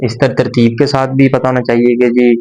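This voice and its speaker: A man of average pitch teaching a beginner's language class. He explains step by step, slowly and patiently, pausing and repeating points as he goes. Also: level tone, a little mellow, poor audio. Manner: slow, patient explanation with pauses and repetitions. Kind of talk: explaining a lesson.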